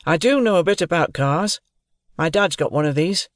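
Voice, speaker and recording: A man voicing a young miner in his twenties who talks in a calm, reassuring, easygoing way. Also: fairly high pitch, normal speed, dry recording, clean studio sound, pitched above the performer's own voice, close to an everyday voice.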